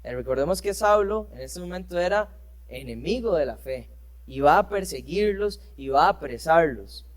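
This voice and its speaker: A preacher teaches a church lesson, reading scripture aloud and unpacking it with rhetorical questions. His voice is a little high, with lively intonation and a normal pace, and he leans on fillers and self-corrections a lot.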